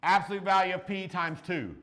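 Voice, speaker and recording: A man's voice: high voice, fairly quick, a bit bright. Chatty encouraging male teacher in his forties. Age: 40s. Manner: chatty, encouraging, joking asides. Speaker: math teacher. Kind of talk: classroom teaching. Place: classroom with students.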